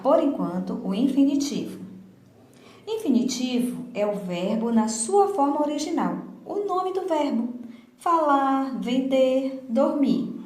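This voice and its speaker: Lively woman teacher, roomy echo. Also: on the high side. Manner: slow, clearly stressed examples for young pupils. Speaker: primary school teacher. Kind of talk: recorded video lesson for children.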